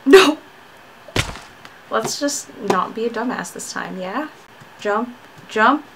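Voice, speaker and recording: A woman in her twenties giving casual, excitable gameplay commentary, talking herself through her moves. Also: fairly high pitch, slow. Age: 20s. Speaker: gamer and streamer. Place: bedroom, indoors. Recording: clear background noise with clicking.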